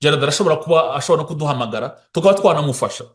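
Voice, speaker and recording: A man who speaks and interprets, talking fast and often stopping to restart his words. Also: a little high.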